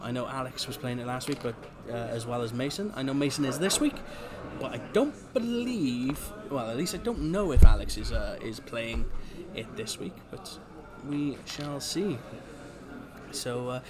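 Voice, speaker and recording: Man commentating over crowd chatter. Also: a little high. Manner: chatty, joking banter. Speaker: tournament commentator. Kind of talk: casual live stream commentary. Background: crowd of players chatting.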